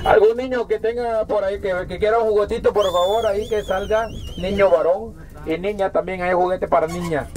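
A man's voice: high-pitched, steady tone, a little fast, hardly any pauses, a little mellow, slight background noise, low-quality recording. A man with a Salvadoran accent joking with friends and calling out a toy giveaway from an open truck outdoors. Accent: Salvadoran Spanish. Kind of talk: casual joking banter and street calls.

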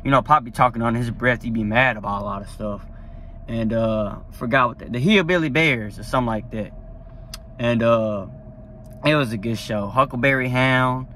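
This young vlogger's voice is mid-range, bright and forceful, at a moderate pace. Sitting in a parked car, he talks casually to a phone camera held at arm's length, rambling eagerly and filling gaps with fillers. A little hiss or hum can be heard.

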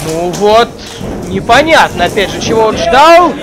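High-pitched male wrestling commentator, noisy arena. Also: normal speed. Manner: excitable exclamations between hesitant analysis. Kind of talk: live play-by-play wrestling commentary. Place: indoor wrestling event hall. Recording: noisy live arena, crowd behind. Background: crowd noise.

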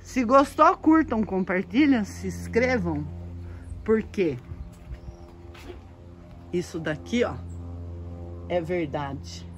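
A woman hosting a casual garden vlog, talking in a slow, exclamatory way as she shows off her orchids and keeps urging viewers to look. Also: mid-range voice, lively intonation, soft background music. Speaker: orchid grower and channel host.

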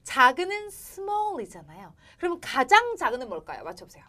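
Lively, high-voiced woman teaching English. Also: normal speed. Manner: playful, addresses viewers often, laughs a lot. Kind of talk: animated TV English lesson.

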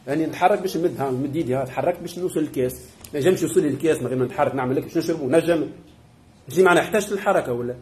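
A man with a Tunisian accent gives a religious doctrine lesson as a sheikh. His voice sits high for a man, and he talks very fast. He explains point by point and keeps asking the class whether they have understood. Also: a little mellow. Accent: Tunisian Arabic.

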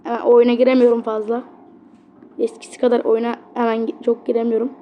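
A woman giving gameplay commentary, excitable, grumbling at the game and yelling on big plays, with apologetic asides to her viewers. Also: fairly high pitch, quick pace, dull audio, a little hiss or hum. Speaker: gamer.

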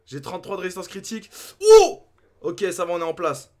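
A young man commentating his own game as a gaming youtuber, thinking aloud and breaking into excited outbursts. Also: high voice, fairly quick. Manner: excitable, talks to himself, sudden outbursts.

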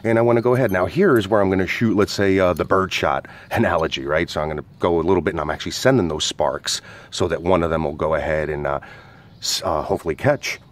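A man who teaches outdoor skills shows off a fire starter in his backyard, talking it through in a low-pitched voice at a quick clip. He stays relaxed and loose, peppering his explanation with plenty of "uh" and "go ahead."

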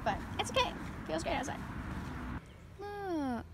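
A woman's voice: very high-pitched, sing-song, a little slow, background noise. A young woman vlogging in casual chat, upbeat and chatty with lots of fillers, filming herself on a handheld camera. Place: outdoors walking, then store aisles.

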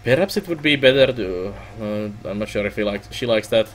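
A middle-aged man doing a let's play, reading game text aloud haltingly with casual commentary. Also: on the low side, expressive, a little hiss or hum. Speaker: gaming let's player.

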